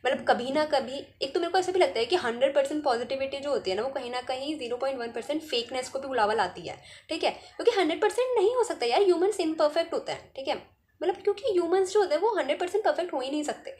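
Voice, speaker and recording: A woman's voice: high-pitched, animated, quick pace, a little mellow. A woman giving casual spiritual self-help advice, chatty and often checking in with "ठीक है?". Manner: chatty, keeps adding "ठीक है?". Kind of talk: casual advice talk to camera.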